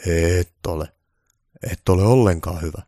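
A man voicing a calm, blunt old Santa Claus who speaks firmly and matter-of-factly, louder and a bit higher than his own voice. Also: dry recording. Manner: dry, matter-of-fact, firm.

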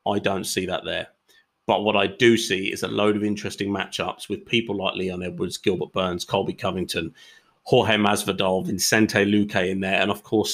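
Chatty man with a low voice. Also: fairly bright tone. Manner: chatty and opinionated, with frequent ums and uhs. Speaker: podcast host. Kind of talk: casual combat sports podcast commentary.

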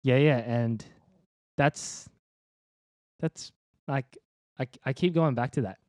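A man's voice: medium pitch, takes it slowly, darkish tone, dry recording, studio quality. A young man giving a personal faith testimony in an interview, laid-back and slangy, with many ums and restarts. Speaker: interview guest, church leader.

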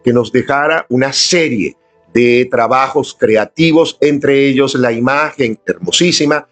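Slow, earnest man leading a prayer. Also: medium pitch, faint music behind. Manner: earnest, inviting, addresses viewers directly. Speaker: prayer leader. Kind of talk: live-streamed devotional talk. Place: indoors at home, filming on a camera.

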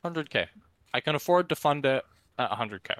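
A man who is high, hosting a casual, unscripted podcast chat in a laid-back stoner manner. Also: expressive, brisk, fairly bright tone, no echo. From Canada. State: high on cannabis. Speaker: podcast host.

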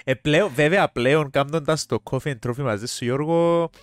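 A man's voice: a little high, clean tone, no room sound. Cypriot Greek man chatting, dry close sound. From Cyprus. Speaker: podcast co-host. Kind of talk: casual chat.

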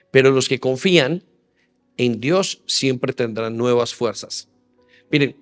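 A man's voice: medium pitch, big-room sound. A man preaching a sermon as pastor, earnestly addressing his listeners with direct questions. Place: church hall.

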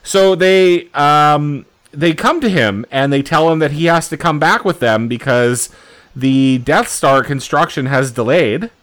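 Smooth-voiced man casually recapping a film. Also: on the high side, unhurried, a bit bright. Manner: laid-back recapping with fillers and casual swearing. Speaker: podcast co-host. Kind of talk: casual movie review chat.

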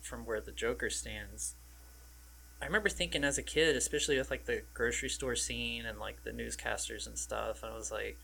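A man's voice: mid-range voice, creaky, pushed and bright, low-quality recording. A man co-hosting a podcast, chatting casually about an old film and often trailing off. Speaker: podcast co-host.

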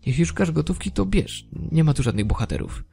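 Man doing a calm, quiet store clerk. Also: a little high, fairly quick, vocal fry, faint music behind. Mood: placating. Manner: quiet, calming.

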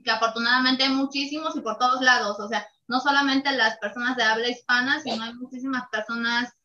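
A woman's voice: fairly high pitch, fairly even intonation, brisk, bright, forceful tone, lo-fi sound. A woman hosting a casual radio talk show, chatty and laughing often.

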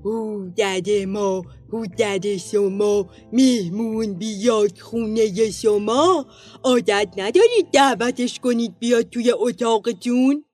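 A woman doing a loud booming giant demon. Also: no room sound, soft background music, natural voice. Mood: booming chant. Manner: slow booming chanted shouts. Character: loud bored male giant demon guest. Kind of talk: children's storybook narration.

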